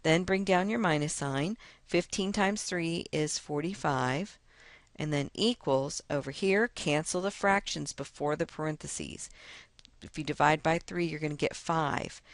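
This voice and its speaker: A woman's voice: low voice, dry recording. A woman math teacher talking through a lesson step by step in a chatty, self-mocking way. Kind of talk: casual screen-recorded lesson walkthrough.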